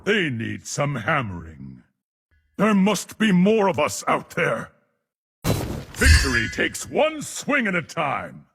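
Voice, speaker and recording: An actor playing a proud, vengeful minotaur warrior in a video game, with emphatic, declamatory delivery. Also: male voice, on the high side, huge pitch swings, takes it slowly, gravelly, a bit bright, breathy edge, heavily acted. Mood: determined. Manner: emphatic, declamatory, bellowing battle cries. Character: proud raging minotaur warrior, vengeful hammer-wielding beast-man. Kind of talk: video game character voice lines.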